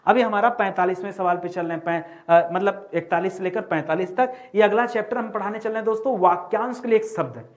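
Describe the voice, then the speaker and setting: A man's voice: high-pitched, fast talker, few pauses. Male teacher drilling exam words. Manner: repeats key words, quizzes students with rhetorical questions. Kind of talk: exam-prep grammar lesson.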